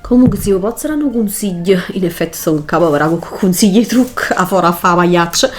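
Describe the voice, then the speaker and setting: A woman's voice: fairly low pitch, expressive, fast. Neapolitan woman chatting over music. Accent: Neapolitan Italian. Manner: colloquial, emphatic, repeats instructions. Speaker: makeup tutorial vlogger. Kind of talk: casual chatty tutorial in dialect.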